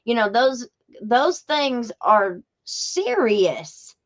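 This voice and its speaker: Speaking with a fairly high pitch, big pitch swings and drawn-out words, a woman with an Appalachian accent hosts a casual true-crime podcast. She tells her stories in a folksy, emphatic way, repeating herself for effect. High frequencies are cut off in the recording.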